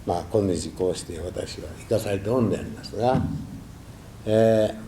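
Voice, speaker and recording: An older man giving a reflective, halting temple talk drawn from his own memories, with folksy asides. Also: fairly low pitch, dark tone. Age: 60s or older. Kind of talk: sermon with personal war recollections. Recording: echoey room, faint background noise.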